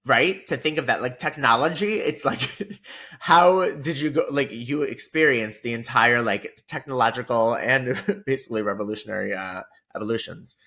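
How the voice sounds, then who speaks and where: A man in his thirties co-hosts a podcast, rambling casually and leaning on plenty of filler words. His medium-pitched voice is bright and forceful, moving at a moderate pace.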